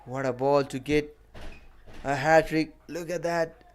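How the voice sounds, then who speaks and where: A man's voice: on the high side, fairly even intonation, a little slow, clean tone. A man giving live cricket commentary as the match commentator, repeating phrases for emphasis.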